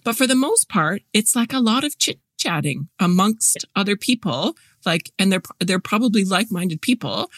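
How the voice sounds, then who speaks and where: A woman's voice: medium pitch, lively intonation, normal speed, hardly any pauses, no echo, clean studio sound. A woman hosting a podcast interview, chatting casually with plenty of fillers, restarts and agreeable asides. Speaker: podcast host.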